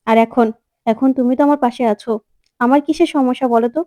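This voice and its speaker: Defiant young bride, proud, read by a woman; high and dry. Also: fairly even intonation, fast talker, warm tone, no echo, close to an everyday voice.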